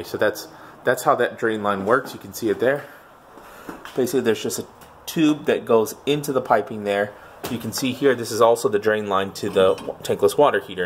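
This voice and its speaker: A man with a somewhat low voice walks through a home garage with his phone, explaining plumbing options. He talks informally, pausing with "um" and restarting his sentences. Faint room ambience sits behind him. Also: fairly bright tone, slight background noise. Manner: informal, thinking aloud with "um" and restarts. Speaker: home renovation advisor. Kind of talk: casual walkthrough explanation. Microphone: handheld phone camera.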